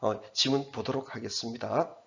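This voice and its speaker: A man teaching English, going through an exam passage in a chatty way and reading the English words slowly. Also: medium pitch, steady tone, gravelly, lo-fi sound. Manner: chatty, repeats himself, reads English slowly word by word.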